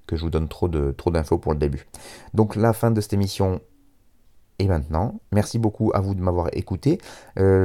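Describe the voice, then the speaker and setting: A French man hosts a music radio show by himself. His voice is low-pitched and soft-edged, with a dark, relaxed tone. He talks casually and hesitantly, readily putting himself down. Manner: self-deprecating, hesitant. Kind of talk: casual solo radio presenting.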